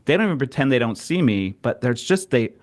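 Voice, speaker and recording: A man co-hosting a casual podcast, talking in a relaxed way and acting out his own thoughts in quieter asides. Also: mid-range voice, a little fast. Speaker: podcast co-host. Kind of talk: casual chat. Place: New York.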